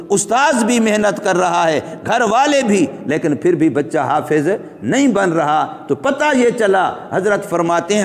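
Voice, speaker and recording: A man preaching a sermon as an Islamic scholar, building emphasis and drawing out recited verses. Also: sits high. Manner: preaching with rising emphasis and drawn-out Quranic recitation. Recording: echoey hall reverb.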